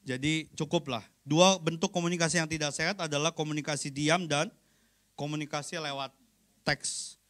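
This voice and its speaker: High-voiced man preaching a chatty sermon. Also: steady tone, normal speed, fairly bright tone. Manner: conversational, joking, keeps addressing the congregation; acts out short everyday exchanges. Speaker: pastor.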